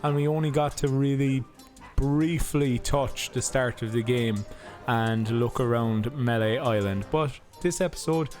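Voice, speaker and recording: A man's voice: mid-range voice, unhurried, few pauses, darkish tone, soft background music. A young man casually commenting as he plays a video game, chatty and rambling, often correcting himself mid-sentence. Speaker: let's play host.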